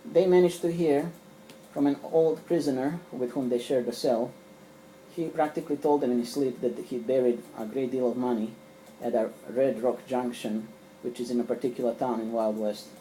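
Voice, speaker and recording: The recording is poor, with slight background noise, as a middle-aged Serbian-speaking collector talks about his comics in a small room at home. His warm, mid-range voice stays steady at a normal speed while he rambles, using fillers and restarting sentences.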